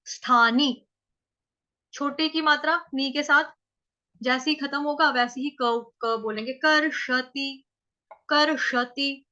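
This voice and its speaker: Female chant teacher. Slow, deliberate delivery and a high, bright voice. Dull lo-fi recording. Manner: slow drawn-out chanting of verse, then quick chatty explanation. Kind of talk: step-by-step pronunciation lesson. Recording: slightly dull lo-fi audio.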